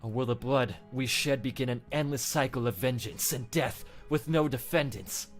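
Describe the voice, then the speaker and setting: A man's voice: medium pitch, moderate pace, lightly acted. A man voicing a brooding, earnest anti-hero hedgehog, solemnly declaiming lyrics like a dramatic storybook reading. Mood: fervent, defiant. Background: music.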